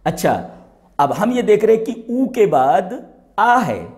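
A male Islamic scholar giving an explanatory lecture, methodically breaking words into sounds step by step and chanting grammar rules slowly. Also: high voice, very animated, a little mellow.

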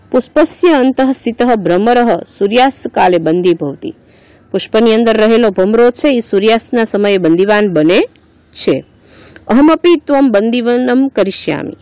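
A woman's voice: on the high side, dark tone, no echo, poor audio. Woman teacher explaining a text line by line. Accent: Gujarati. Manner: reads a line aloud, then explains it word by word. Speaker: school teacher. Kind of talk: Sanskrit lesson explained line by line.

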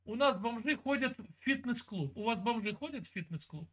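A man's voice: very high-pitched, lively intonation, brisk, fairly bright tone. A man in his fifties from Siberia, lecturing insistently on a video call from a room at home. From Siberia, Russia. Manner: lecturing, insistent, talks over the other. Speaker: chat roulette streamer. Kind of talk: heated video chat argument. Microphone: webcam video call.

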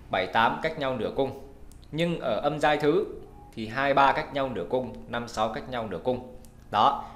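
A man narrates a music theory lesson, walking through each item patiently and in order. His voice sits at an ordinary middle pitch. The recording sounds roomy, with a clear echo around him. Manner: patient, explanatory, steps through items one by one.

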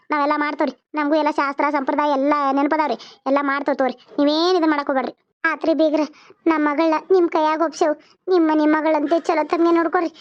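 A woman voicing the village women and a young bride in a homemade cartoon, speaking North Karnataka Kannada in quick, polite dialect chatter. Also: high voice, natural voice. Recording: muffled lo-fi recording.

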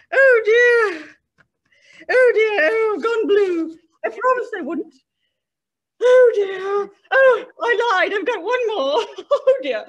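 A woman's voice: extremely high pitch, a bit bright, exaggerated voice. An actor playing a frail, flustered older English woman stand-up comic with an English accent, who quavers, sounds breathless and keeps giggling at her own jokes. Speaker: stand-up comedian. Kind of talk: comedy sketch character.

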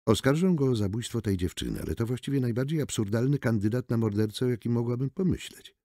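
A man's voice: medium pitch, sing-song, quick pace, mellow, dry recording, studio quality, voice pushed up. A man voicing a brusque, mocking woman lawyer in an audiobook. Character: sharp-tongued sardonic woman lawyer. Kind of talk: audiobook character voice.

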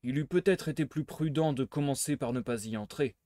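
A man's voice: mid-range voice, a little fast, mellow, no room sound, natural voice. Man reading an aging police inspector, skeptical and ironic, dry close recording. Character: gruff older police inspector, weary skeptic. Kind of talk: live reading of a novel aloud.

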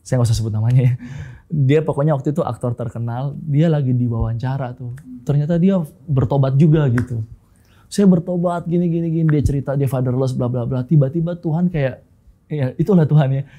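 Man, 30s, from Makassar, guest telling a personal testimony, casual, says bro a lot, warm mellow tone. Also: medium pitch, fairly quick. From Makassar, Indonesia. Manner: informal, often says "Bro", mixes in English phrases.

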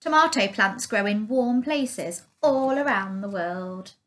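Woman, storybook reading, slow, bright, slightly high voice. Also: animated. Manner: slow, clear and careful. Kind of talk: reading a children's picture book aloud.

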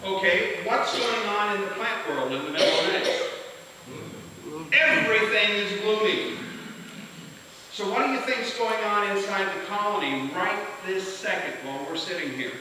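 Bright, echoey man lecturing from far off. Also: high voice, moderate pace. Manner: energetic, asks the audience questions. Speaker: beekeeping instructor. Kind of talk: classroom lecture. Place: meeting room with an audience. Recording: echoey hall from far off, hiss.

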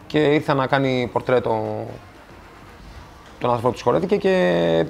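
A man's voice: gravelly, a little hiss or hum. A man from Greece, a tattoo artist, telling stories in a casual interview and acting out the dialogue. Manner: animated, acts out dialogue, rises in pitch when quoting.

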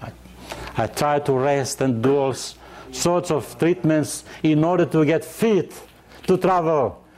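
Older male preacher from Yugoslavia, slightly high voice, earnest and halting, builds emphasis on verses. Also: a little mellow. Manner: earnest, searching for words with restarts and rising emphasis on scripture. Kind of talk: sermon.

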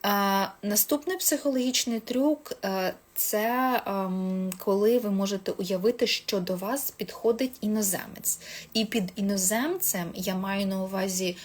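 A woman's voice: medium pitch, unhurried. A woman English teacher giving casual advice on speaking a foreign language, chatty, with many hesitations and self-corrections.

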